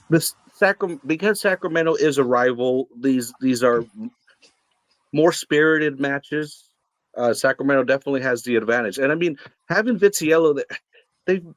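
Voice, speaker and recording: A male podcast co-host in a casual sports chat, talking with an animated, excitable delivery. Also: medium pitch, no room sound.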